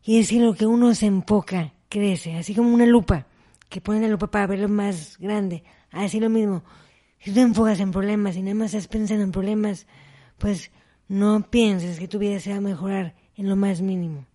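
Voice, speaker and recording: Speaking at normal speed with a medium pitch, this middle-aged woman tells her own stories during an interview conversation. She's an animated storyteller who performs the dialogue as she goes.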